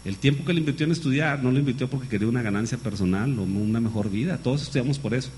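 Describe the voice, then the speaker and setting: A man's voice: mid-range voice, very fast, slight background noise. A man preaching a sermon, calling his listeners brother and asking them rhetorical questions. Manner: lively, calls listeners "hermano", many rhetorical questions.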